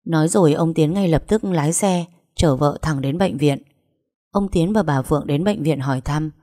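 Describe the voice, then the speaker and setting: Giọng nữ trầm đọc truyện. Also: female voice, low-pitched, moderate pace, dark tone, no room sound, studio quality. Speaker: storyteller. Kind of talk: scripted audiobook narration.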